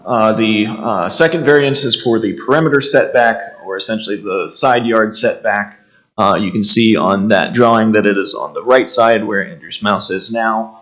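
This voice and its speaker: A man's voice: fairly low pitch, moderate pace, fairly bright tone, poor audio. An American man formally presenting a staff report, methodically reading out details with frequent hesitations. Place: indoor township meeting room.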